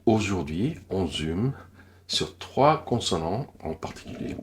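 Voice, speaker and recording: A man's voice: sits low, sing-song, a little hiss or hum. A man from Korea with a Korean accent, giving a careful pronunciation lesson. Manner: slow, careful demonstrations with many pauses. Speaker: language teacher.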